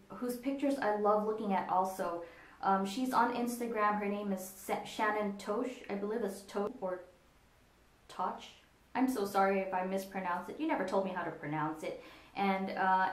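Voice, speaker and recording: A woman walks through a makeup tutorial in a casual, meandering way, pausing on ums as she goes. Her voice sits at an ordinary middle pitch. The sound bounces around a reflective room. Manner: relaxed, meandering, frequent ums. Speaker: makeup vlogger. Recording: echoey room.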